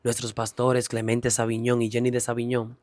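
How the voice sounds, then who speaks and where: A man's voice: mid-range voice, completely flat delivery, normal speed, darkish tone. Earnest male guest giving testimony. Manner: earnest, rising into preacher-like emphasis. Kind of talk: personal testimony, preaching cadence.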